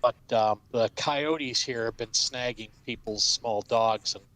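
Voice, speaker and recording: A man's voice: medium pitch, takes it slowly, fairly bright tone, dry recording. A man talking casually as an author, rambling with fillers and restarts. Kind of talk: casual chat.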